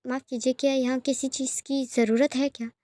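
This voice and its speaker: A woman doing a gentle, persistent young nobleman. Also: high-pitched, level tone, brisk, dry recording, natural voice. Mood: polite. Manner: soft-spoken and polite.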